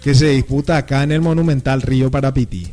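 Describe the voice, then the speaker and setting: A man with a Paraguayan accent commentating on football live, with excited, drawn-out goal calls and repeated phrases. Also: mid-range voice, music in the background. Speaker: sports commentator and news presenter.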